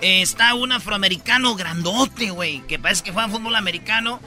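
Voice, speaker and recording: High bright-voiced radio host. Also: male voice, a little fast, soft background music. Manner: rowdy storytelling with slang and sound effects. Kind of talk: joking radio banter.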